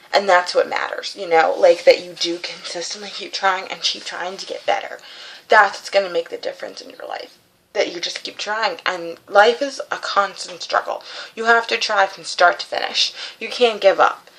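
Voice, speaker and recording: A woman's voice: mid-range voice, a bit bright, poor audio. Earnest young woman speaking from the heart. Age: 20s. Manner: earnest, encouraging. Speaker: vlogger sharing a personal message of support. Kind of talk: informal, heartfelt talk to camera.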